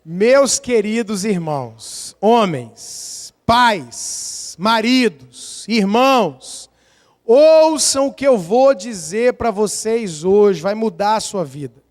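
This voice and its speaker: High-voiced Brazilian pastor in a reverberant church. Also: male voice, slow. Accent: Brazilian Portuguese. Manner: animated storytelling, acting out scenes and counting aloud. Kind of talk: sermon. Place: church sanctuary. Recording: long church-hall reverb.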